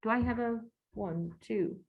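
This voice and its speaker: A woman chairing a board meeting over a video call, talking in a halting way with many ums and self-corrections. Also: on the high side, creaky, slightly rough, narrow, tinny audio. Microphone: computer mic on a video call.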